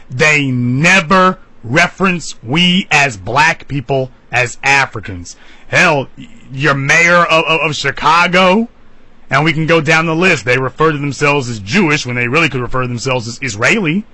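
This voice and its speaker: A man hosting a talk radio show, delivering an emphatic, preachy monologue that leaps high for emphasis. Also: expressive, moderate pace, sharp tone, no room sound, low-quality recording.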